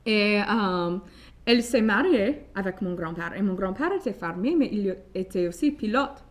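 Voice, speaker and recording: A woman's voice: medium pitch, animated, moderate pace. A woman in her twenties from Louisiana, speaking casually as an interview guest with a Cajun Louisiana French accent and frequent hesitations. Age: 20s. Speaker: interview guest, French studies graduate student.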